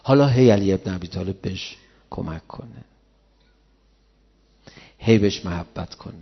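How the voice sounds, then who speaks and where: A man preaching a sermon, telling stories in a conversational way and rising to loud emotional cries. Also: medium pitch, vocal fry, breathy edge. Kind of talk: sermon with storytelling. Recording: dull lo-fi sound with long hall reverb.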